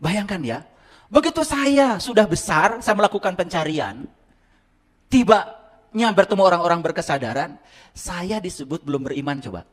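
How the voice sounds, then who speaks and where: A middle-aged man preaching to a live audience, telling his own story and swinging between loud exclamations and hushed asides. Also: sits high, big pitch swings, moderate pace. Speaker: Islamic teacher.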